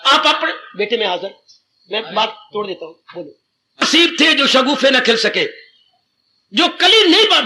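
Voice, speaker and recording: A man's voice: very high voice, bright, forceful tone, slight background noise. A man giving a devotional sermon as a spiritual teacher, fervent, repeating words for emphasis, quoting verse and calling his listeners children.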